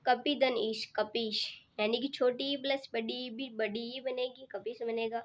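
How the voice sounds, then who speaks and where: Woman teacher, slightly high voice, patient and repetitive exam-prep explainer, muffled lo-fi recording. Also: steady tone, measured pace. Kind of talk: exam-prep grammar lesson. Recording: muffled low-fidelity recording.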